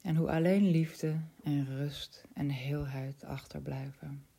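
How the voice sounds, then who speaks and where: Slow, soft-spoken woman guiding meditation. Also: low voice, steady tone, creaky, husky. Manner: soft, slow, half-whispered. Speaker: meditation guide. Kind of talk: guided meditation.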